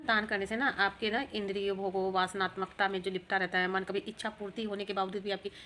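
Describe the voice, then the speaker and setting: Fast, bright-voiced woman speaker. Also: mid-range voice, little pitch movement, slight background noise. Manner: earnest, rambling explanation. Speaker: spiritual speaker. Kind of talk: spiritual talk with storytelling.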